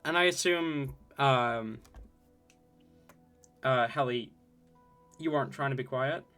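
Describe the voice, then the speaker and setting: A man running a tabletop game as game master, narrating casually and haltingly. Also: mid-range voice, fairly bright tone, smooth, faint music behind.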